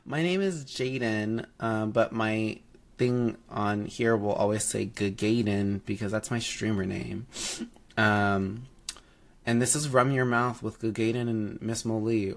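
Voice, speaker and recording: A man in his twenties, congested from allergies, co-hosting a casual podcast chat in a sassy, animated way with frequent laughter. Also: lowish voice. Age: 20s. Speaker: podcast co-host.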